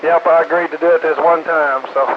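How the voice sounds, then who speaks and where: Ham operator over static-filled radio. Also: male voice, fairly high pitch, fairly even intonation, moderate pace. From Texas. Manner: chatty, easygoing radio talk with roger and call signs. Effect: voice heard over a two-meter radio with static. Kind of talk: amateur radio net chatter. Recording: muffled radio audio with clear static hiss.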